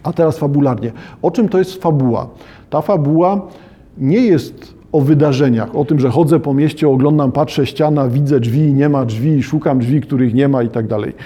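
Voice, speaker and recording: A man's voice: medium pitch, moderate pace, dark tone, breathy edge. A man lecturing on a novel, reflective in tone, reading passages aloud and addressing his listeners directly.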